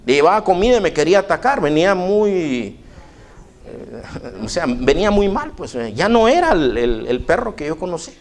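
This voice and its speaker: A man's voice: sits high, very animated, moderate pace. A man preaching a sermon in a church, telling a personal story folksily and often calling listeners brother. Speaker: pastor.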